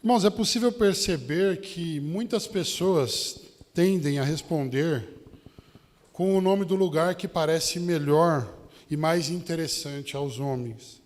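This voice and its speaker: A Baptist pastor from São Paulo state, Brazil, preaches a sermon with a São Paulo accent, speaking directly to his listeners through rhetorical questions and anecdotes. His voice sits on the high side and he takes it slowly, with long hall reverb on the recording.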